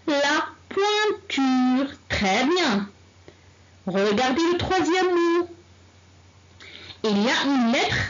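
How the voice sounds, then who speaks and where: A woman's voice: sits high, lo-fi sound, a little hiss or hum. A woman teacher leading a reading lesson for young children, drawing out syllables and words for them to repeat. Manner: slow, drawn-out, repeating syllables for children to echo. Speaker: primary school teacher.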